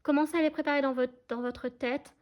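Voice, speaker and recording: This tarot reader's high voice is steady and a little mellow, and she talks slightly fast. Her reading is casual and chatty, addressed straight to viewers, with hesitation, many fillers, and repeated checks that they understand.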